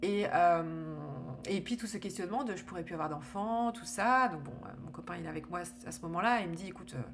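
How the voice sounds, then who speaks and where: A woman's voice: lowish voice, quick pace, a little hiss or hum. A woman telling her own story in a candid, conversational way, full of fillers and restarts. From France. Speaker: storyteller sharing her cancer experience. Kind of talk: casual personal testimony.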